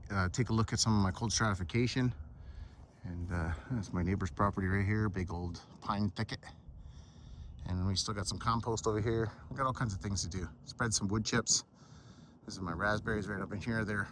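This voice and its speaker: A man's voice: fairly low pitch, slight background noise. Rambling man vlogging outdoors. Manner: rambling, relaxed, many fillers. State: a little out of breath. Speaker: permaculture vlogger. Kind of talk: casual walk-and-talk vlog. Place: outdoors in a garden by a pond.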